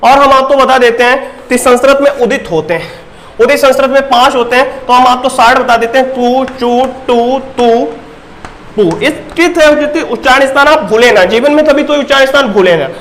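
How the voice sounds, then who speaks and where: A man's voice: very high voice, fairly quick, fairly bright tone, slight background noise. A male teacher giving an exam-prep grammar lesson, asking questions and repeating the answers to drill them in.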